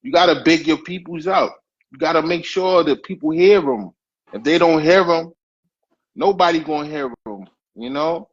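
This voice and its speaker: A man's voice: fairly high pitch, normal speed, slightly rough. A man hosting a casual talk, emphatic and repeating his points as he gives advice. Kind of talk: casual podcast chat. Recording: dull lo-fi stream audio.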